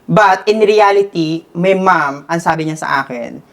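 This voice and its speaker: A man's voice: on the high side, a little slow, vocal fry, fairly bright tone. A man with a Filipino accent, a hair stylist and guest, telling his story in a casual interview and switching between Tagalog and English.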